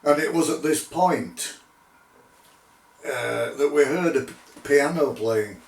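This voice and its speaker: A middle-aged man telling his own paranormal investigation story in a measured, deliberate way, with pauses. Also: medium pitch, vocal fry. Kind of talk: unscripted spoken storytelling. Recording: roomy echo, distant microphone.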